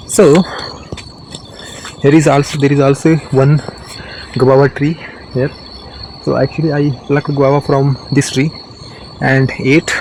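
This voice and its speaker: A man's voice: a little high, a little mellow, slight background noise, poor audio. Man vlogging from a field, crickets around. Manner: simple, halting English with frequent restarts. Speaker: English teacher. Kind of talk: casual teaching vlog. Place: outdoors in a village field. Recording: outdoor crickets and insects behind.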